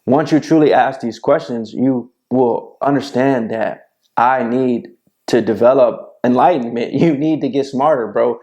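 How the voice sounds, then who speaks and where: A man in his thirties delivers a direct-to-camera motivational talk, speaking into a lapel mic in a small room. His voice sits at a medium pitch with a gravelly, fry-laced edge. He talks in a preachy, repetitive way, often tossing in "bro". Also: a little slow, darkish tone, muffled recording. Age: 30s. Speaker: men's self-help video host. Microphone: lapel mic clipped to shirt.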